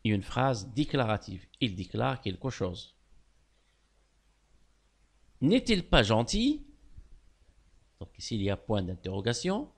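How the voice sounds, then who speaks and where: A man's voice: on the low side, expressive, moderate pace, gravelly, few pauses, slightly rough. A man teaching a French grammar class, walking pupils through sentence types and praising their answers. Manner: stresses key words with sudden loud lifts. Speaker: primary school French teacher.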